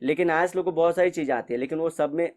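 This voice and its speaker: A man's voice: a little high, racing, darkish tone. Chatty male teacher mixing in English. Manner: conversational, mixes English phrases, repeats ठीक है. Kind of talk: casual Hindi-English classroom lecture.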